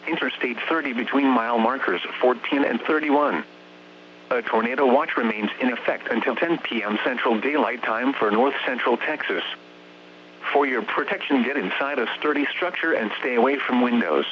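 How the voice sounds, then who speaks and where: Through a dull, humming weather radio broadcast with faint noise beneath, a synthetic American male text-to-speech voice reads scripted warning bulletins. The mid-range voice moves at normal speed, formal and evenly paced in clipped, automated phrases.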